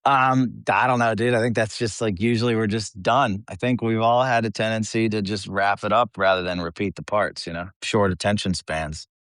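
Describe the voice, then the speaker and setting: As a guest in a casual interview, an eastern Pennsylvania man who sings for a metal band tells anecdotes bluntly, with plenty of profanity and slang. His voice is on the low side, steady and a bit bright, at a moderate pace with few pauses, in clean studio sound with no room noise.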